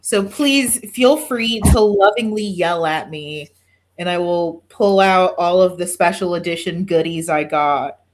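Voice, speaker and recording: A woman's voice: on the low side, a little slow. A woman hosting a podcast in casual chat, swearing freely and poking fun at herself with dramatic exaggeration. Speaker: podcast host.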